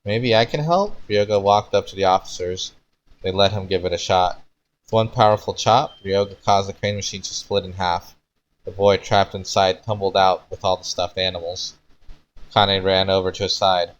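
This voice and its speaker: A man with a fairly low voice on a casual livestream. He reads his own story aloud and talks to viewers in a hesitant, unpolished manner. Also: level tone, moderate pace, muffled recording. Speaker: streamer.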